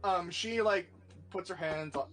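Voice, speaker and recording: A man narrating a tabletop game as game master in a lively, swearing storytelling manner. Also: high voice, measured pace, soft background music. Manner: animated, swearing, laughing storyteller.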